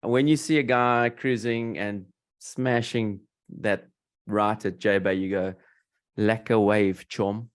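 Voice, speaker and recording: A man's voice: fairly low pitch, steady tone, slow pace, clean tone. A man with a South African English accent hosting a casual interview, playfully teaching slang. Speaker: host.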